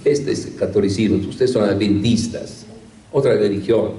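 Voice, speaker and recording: Older priest telling stories in an echoey hall. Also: male voice, lowish voice, normal speed, mellow. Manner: storytelling with rhetorical questions and hesitations. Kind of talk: anecdotal talk to a congregation. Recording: echoey room from a distance.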